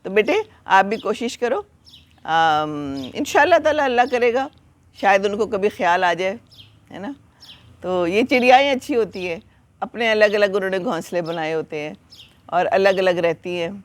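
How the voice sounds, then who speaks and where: A middle-aged woman with a Pakistani Urdu accent, talking casually to her viewers in a chatty, gently preachy way and calling them children. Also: medium pitch, animated. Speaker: vlogger. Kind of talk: casual talk to camera.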